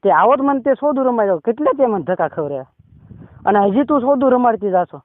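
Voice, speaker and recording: A man's voice: extremely high pitch, expressive, quick pace, no echo. A man presses his point on a phone call, pushy and insistent. The sound is tinny and narrow like a phone line, and completely dry. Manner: pushy, insistent, repeats "બરોબર?". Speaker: caller.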